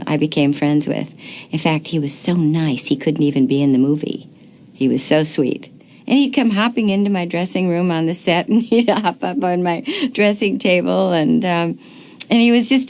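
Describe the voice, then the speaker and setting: A woman's voice: lowish voice, a little mellow. A woman, an actress recalling a film shoot in an archive interview, reminiscing fondly and chattily.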